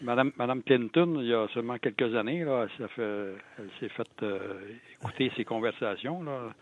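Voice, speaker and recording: A man calling a radio show by phone, asking questions in a halting way. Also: mid-range voice. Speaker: phone-in caller. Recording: tinny narrow phone line.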